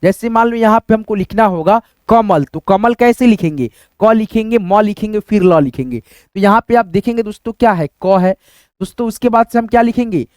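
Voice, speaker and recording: A male teacher giving a casual writing lesson, explaining slowly step by step and asking questions that he answers himself. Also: sits high, a little mellow, clear, resonant tone, no echo, studio quality. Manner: explains slowly and step by step, says "friends" often, asks then answers himself.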